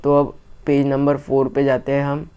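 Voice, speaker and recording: A man with an Indian accent teaching an exam revision lesson, reading each English line very slowly and then explaining it in quicker Hindi. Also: medium pitch, completely flat delivery, mellow, smooth, highs cut off.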